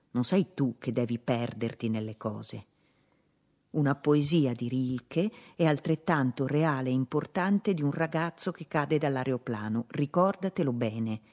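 Calm woman reading a diary aloud. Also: rumbling low. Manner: measured, reflective reading. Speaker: reader. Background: faint music.

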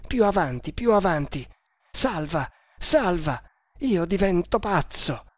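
A man's voice: sits high, very animated, slow pace, no echo, studio quality, pitched above the performer's own voice, full character voice. A man voicing a frantic desperate hero. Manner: frantic, impassioned exclamations. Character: desperate fierce young male hero fleeing.

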